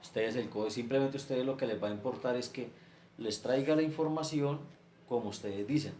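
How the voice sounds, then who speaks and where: A man's voice: medium pitch, brisk, warm tone. A man lectures his students, circling through examples step by step. His voice sits in a reverberant room. A faint ambient hiss runs underneath. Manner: explains step by step with many filler examples. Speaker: teacher. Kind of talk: screen-share class lecture.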